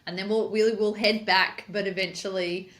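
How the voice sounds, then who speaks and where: Bright, enthusiastic woman host. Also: medium pitch, level tone, normal speed. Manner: friendly, enthusiastic introductions with soft "mm" backchannels. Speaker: interview host. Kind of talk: interview hosting.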